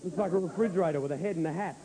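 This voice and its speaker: A man's voice: fairly high pitch, racing, crowd noise. A man doing an enthusiastic stand-up monologue, on a noisy old VHS tape. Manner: chatty, enthusiastic. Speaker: comedian.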